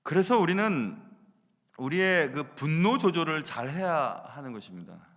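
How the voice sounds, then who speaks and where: A man preaching a sermon as pastor, animated, moving between loud emphasis and hushed asides. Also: a little high, normal speed. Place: church sanctuary. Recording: long reverb of a church hall.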